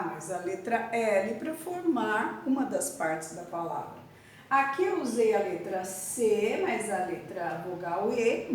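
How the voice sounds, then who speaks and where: A woman's voice: medium pitch, slight background noise. A woman teaching a literacy lesson, spelling out syllables letter by letter and repeating each word. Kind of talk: slow classroom literacy lesson. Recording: echoey room from far off.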